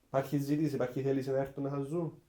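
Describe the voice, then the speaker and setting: A man's voice: medium pitch, little pitch movement, dark tone. A man asking questions in a casual interview. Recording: roomy, echoing sound.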